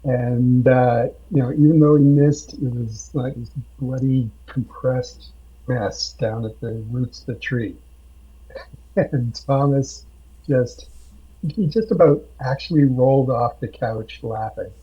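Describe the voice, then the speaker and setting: A man on a podcast, telling a tabletop game story slowly with many pauses and fillers. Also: mid-range voice, warm tone, breathy edge. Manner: slow, halting with many fillers. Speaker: podcast guest, game master. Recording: dull lo-fi sound.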